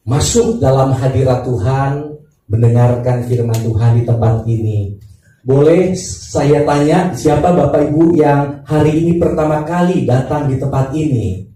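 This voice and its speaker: A man from Thailand serving as pastor, praying and then preaching a sermon in a church service and inviting the congregation to answer back, unhurried and with pauses. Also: mid-range voice, warm tone, a little hiss or hum. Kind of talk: sermon with opening prayer. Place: church worship hall. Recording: very echoey hall, mic at a distance, faint music.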